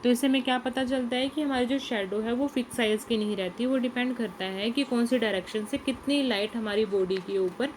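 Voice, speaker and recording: A woman teacher who explains a lesson to young children, reading each English line slowly and then asking and answering her own questions in Hindi. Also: a little high, slight background noise, poor audio.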